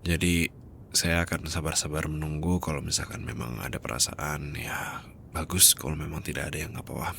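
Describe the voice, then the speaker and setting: A man plays a tender, lovestruck male doctor in a soft ASMR role-play, speaking. His voice is low and his delivery hesitant and reassuring, as if comforting someone close. A faint rumbling noise sits in the recording. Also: moderate pace, long pauses. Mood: soft, consoling. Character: gentle doctor, wealthy man in love, comforting a crying woman.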